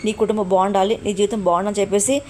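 Woman doing a sobbing young woman having it out with her guy, fast, flat. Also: mid-range voice, slight background noise, lightly acted. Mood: accusing. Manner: weeping, accusing. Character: heartbroken young woman confronting her lover.

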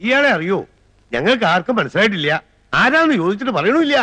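A man's voice: high voice, big pitch swings, quick pace, pushed and bright, full character voice. An actor playing an anxious male plotter in a film comedy, grumbling in an agitated way. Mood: suspicious.

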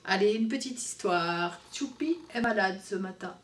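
A woman's voice: medium pitch, normal speed, slight background noise. A woman reading a picture book aloud to young children in a playful, teasing storyteller manner, recorded with roomy echo from a distant mic.

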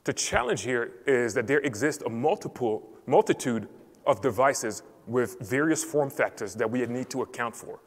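A man from Cameroon presents a technical session on a large conference stage, speaking in a clear, orderly way through a headset mic. His medium-pitched voice carries a long reverb from the hall around him.

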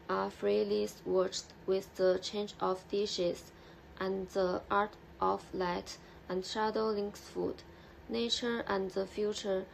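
A young woman giving a student class presentation, reading slowly and carefully from notes on a webcam. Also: medium pitch, creaky, a little hiss or hum, poor audio. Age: young adult. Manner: slow, careful reading with restarts.

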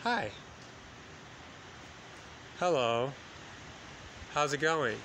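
A man in his thirties from the United States, giving a bilingual lesson into a phone held at arm's length outdoors at night, speaking slowly and repeating phrases for learners. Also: mid-range voice, animated, rough recording. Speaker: English teacher. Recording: phone video with loud wind noise outdoors. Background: loud wind and street noise.

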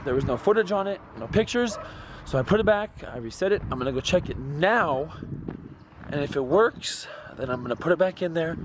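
An American man in his thirties talking casually and informally to a camera, in a laid-back vlog style. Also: medium pitch. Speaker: vlogger. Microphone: handheld or nearby camera.

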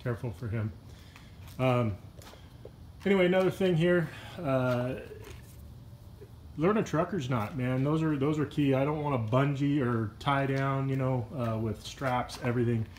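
A man filming a casual vlog outdoors beside a pickup truck, talking in a relaxed, rambling way with lots of "uh" and "you know". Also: mid-range voice, measured pace, slight background noise. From Washington state. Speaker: kayak fishing vlogger. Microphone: handheld phone camera, filming himself off-screen.

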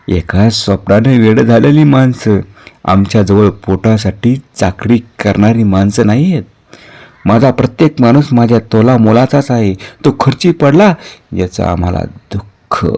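A man voicing a grave, grieving, proud king in a devotional storytelling performance, speaking slowly and solemnly. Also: on the low side, creaky, mellow.

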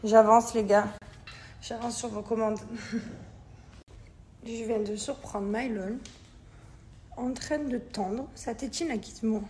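A woman filming a casual family vlog, cooing softly at her baby between chatty asides to her viewers. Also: on the high side, fairly even intonation, takes it slowly, long pauses, slight background noise. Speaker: family vlogger and mother.

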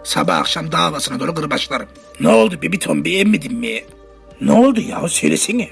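A man's voice: fairly high pitch, lively intonation, fairly quick, creaky, a bit bright, faint music behind, exaggerated voice. A man voicing a sleazy, domineering, mock-romantic brute in a comedy parody dub. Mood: smug, sleazy.

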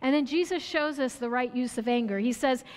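American woman, pastor. Chatty sermon delivery, high voice, reverberant sanctuary. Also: brisk, darkish tone. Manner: conversational, asks the audience questions, restarts and stumbles. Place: church sanctuary. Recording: church hall reverb.

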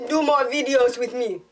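A woman's voice: high-pitched, distant mic. A woman hosting her vlog, playing a guessing party game in a giggly chat, laughing often and repeating phrases. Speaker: YouTuber host.

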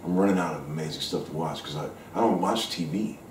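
Deep-voiced man guest, loose and frank, swears casually, recorded from across a roomy kitchen. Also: fast, a little mellow, a little hiss or hum. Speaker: session guitarist guest. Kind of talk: casual interview talk. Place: kitchen at home, indoors. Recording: roomy kitchen sound from a distant mic.

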